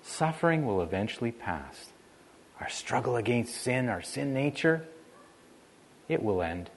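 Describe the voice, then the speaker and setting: A man's voice: mid-range voice, very animated, unhurried, slight background noise. A man preaching a sermon in a conversational way, shifting his emphasis often. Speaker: pastor.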